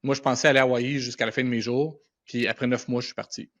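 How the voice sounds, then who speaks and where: This podcast guest, a middle-aged animation and visual effects professional from Quebec, Canada, speaks quickly in a fairly bright, mid-range voice with little pitch movement. He shares anecdotes in relaxed, colloquial Quebec French mixed with English words, over dull, band-limited audio.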